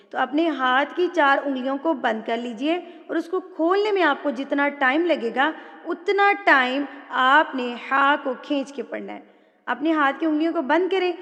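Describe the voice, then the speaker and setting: A woman teaching an online Quran recitation lesson, explaining patiently step by step and drawing out words slowly when she recites. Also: sits high, a bit bright, big-room sound. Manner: slow drawn-out recitation of Arabic words.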